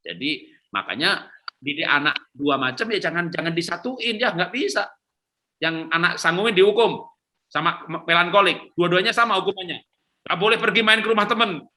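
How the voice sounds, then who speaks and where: A middle-aged man pastor answering questions on raising children in a lively storytelling manner, acting out quoted lines. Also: high-pitched, moderate pace, slight background noise.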